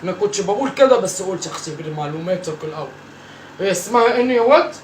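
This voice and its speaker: Here the grandmother character speaks in an expressive, fast, mid-range voice close to everyday speech. She's an old Egyptian woman, teasing and bossy, repeating her scolding of the grandchildren in an Egyptian Arabic comedy sketch, captured from afar with a roomy echo and faint noise.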